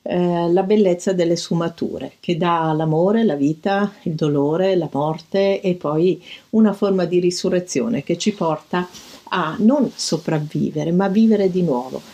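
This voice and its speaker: Reflective older Italian-speaking woman, mellow voice. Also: fairly low pitch, unhurried. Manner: thoughtful, with hesitations and fillers. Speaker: design commentator recalling an artist. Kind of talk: reflective talk with read-aloud passages.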